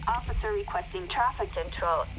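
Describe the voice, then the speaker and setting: A dispatcher giving clipped police radio calls in flat procedural codes. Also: medium pitch, moderate pace, very noisy. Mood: routine. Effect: police radio transmission.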